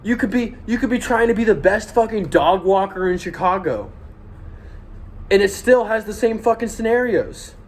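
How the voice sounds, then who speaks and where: A man's voice: sits high, expressive, normal speed. A young man giving an earnest, blunt, swear-heavy motivational monologue to viewers while walking on a treadmill. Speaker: vlogger.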